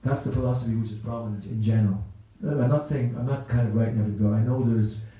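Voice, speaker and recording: A man's voice: medium pitch, steady tone, fast talker, warm tone. An Irish man giving a rambling, conversational Sunday talk at a temple, repeating words as he goes. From Ireland. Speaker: temple speaker. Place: temple hall. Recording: very echoey room.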